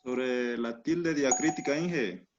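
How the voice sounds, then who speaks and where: A man's voice: mid-range voice, takes it slowly. A male student asks a short, hesitant question during an online class. He sounds distant from his mic, and the call audio is muffled and noisy. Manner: hesitant, brief.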